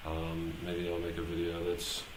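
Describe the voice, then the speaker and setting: Thinking aloud on a live stream, a man rambles casually and hesitantly without a script. He has a low voice and a completely flat delivery at a moderate pace, recorded in an echoey room with noticeable background noise.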